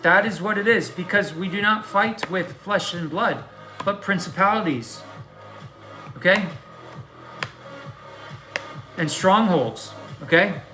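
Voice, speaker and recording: Guy doing a spiritual tarot reading, high sharp voice, preachy and emphatic, bit of music in the back. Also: unhurried. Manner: emphatic, preachy, with repeated check-in tags. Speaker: online tarot card reader.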